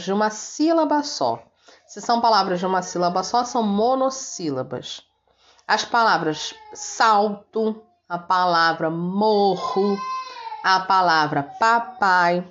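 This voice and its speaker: A woman teacher, her voice sitting on the low side, talks her students through a recorded lesson. She is patient and slows down to spell words out letter by letter. The recording is dull and lo-fi.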